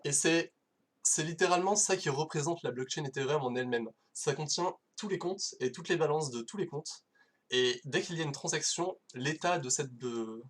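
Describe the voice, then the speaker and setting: A man's voice: medium pitch, fairly bright tone. A man giving a casual live-streamed technical talk, hesitant, with many fillers and restarts. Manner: casual, self-deprecating. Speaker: conference speaker.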